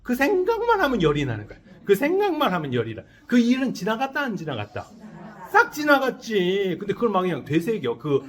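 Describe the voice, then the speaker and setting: A man's voice: high-pitched, huge pitch swings, quick pace, few pauses. A man, a Buddhist monk, giving a sermon to a congregation, posing questions and answering them himself and having the listeners repeat his phrases. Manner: leads the congregation in call-and-response repetition. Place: temple dharma hall.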